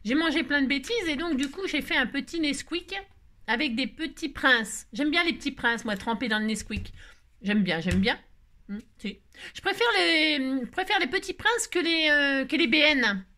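This scrapbooking host's voice sits high and sounds bright, forceful and animated, moving at normal speed. She rambles playfully through a chatty mail-opening vlog, full of fillers and teasing little asides.

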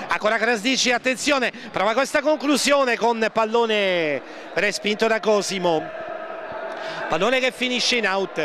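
Man, live futsal commentary, high voice, excitable name-repeating delivery, clearly noisy sports hall behind him. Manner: excited, repeats players' names, voice rises at key moments. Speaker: match commentator. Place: indoor sports hall during a match. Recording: noisy sports hall ambience, bouncing balls.

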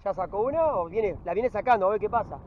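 A man's voice: sits high, quick pace, muffled recording. A man with an Argentine accent hosting a fishing show outdoors, chatting upbeat to viewers from a windy riverbank. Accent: Argentine Spanish. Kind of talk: casual outdoor commentary.

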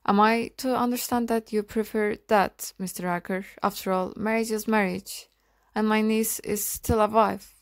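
A woman reading aloud plays a grandly sentimental older aunt from the upper crust. She gushes and lays it on thick, in a mid-pitched voice, as in an audiobook. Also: fairly even intonation, moderate pace, dry recording, lightly acted. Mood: gushing. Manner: gushing, theatrical.

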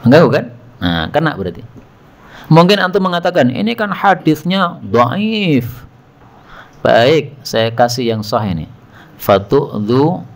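A man's voice: fairly high pitch, creaky. A man giving a religious study lecture, telling stories with animation, acting out quoted voices and questioning his listeners. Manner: animated storytelling, acts out quoted voices, asks the audience questions. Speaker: Islamic preacher.

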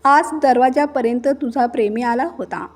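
A woman's voice: fairly high pitch, normal speed, close to an everyday voice. Storybook villain: suspicious husband, accusing and harsh, voiced by a female reader. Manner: growling and accusing. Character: harsh, suspicious young husband, violent temper.

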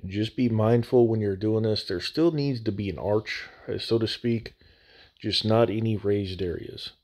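A man with a lowish, slightly mellow voice speaks at normal speed as he narrates a hands-on tutorial for his scale model building channel. He sounds casual, folksy, and plain-spoken, and his phone mic adds a slight echo.

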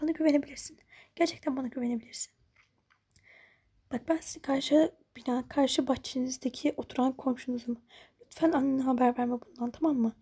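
A woman voicing a homeless young woman neighbor in a whispered role-play, talking in a hushed, pleading way. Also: high-pitched, gravelly, slightly rough, exaggerated voice.

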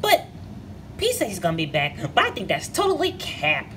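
A woman's voice: mid-range voice, wildly swooping pitch, normal speed, bright, forceful tone, a little hiss or hum. A woman voicing a feisty young girl who guards a museum bowling pin, bouncy and shrieking when angry, with light music behind. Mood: playful. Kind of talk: amateur toy-movie voice acting.

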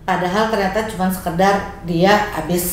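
A woman's voice: fairly low pitch, steady tone, fairly quick, a loud crowd. A woman, a family caregiver, talking through practical tips in an earnest, conversational way. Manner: earnest, practical, mixes in English words. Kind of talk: conversational interview answers. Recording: very echoey room, faint noise.

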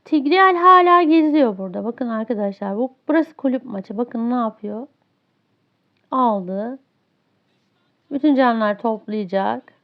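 A high-pitched woman talks over her gameplay in a frustrated, ranting way, complaining about a teammate. The audio is a bit dull and lo-fi. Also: lively intonation, unhurried, long pauses. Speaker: gaming streamer. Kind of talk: live gameplay commentary.

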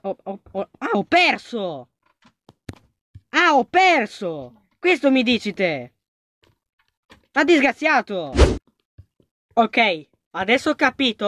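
A gaming video creator giving let's-play commentary, excitable and panicky, talking to the game characters and swinging between shouts and low mutters. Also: no room sound.

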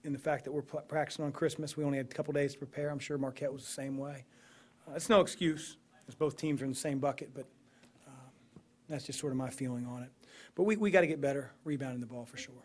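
A man in his forties, a basketball head coach, answering press questions after a game in a measured way, with many fillers and restarts, into a podium microphone. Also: mid-range voice, steady tone. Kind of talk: postgame press conference answers. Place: press room in front of a sponsor backdrop.

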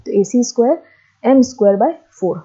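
A woman teacher works through a derivation at a steady, patient pace and keeps asking herself the next question. Her tone is very dark and mellow and sits a little high. The lo-fi recording sounds muffled. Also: brisk, husky. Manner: patient, repeats steps and asks herself questions. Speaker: lecturer. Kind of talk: board lesson deriving formulas. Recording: dull lo-fi lecture audio.

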